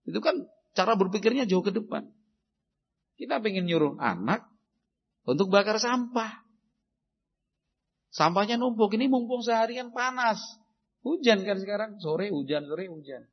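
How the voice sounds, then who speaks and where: A man preaches on raising children in a high, husky voice that has a gravelly edge. He lively acts out parents and children calling to each other. The recording is dull and lo-fi. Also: moderate pace, long pauses. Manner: animated, acts out shouted parent and child exchanges. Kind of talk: Islamic parenting sermon.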